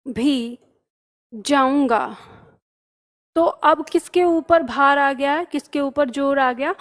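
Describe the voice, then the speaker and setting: A woman teaching a grammar lesson. She asks questions and answers them herself, and repeats key terms for emphasis. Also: high voice.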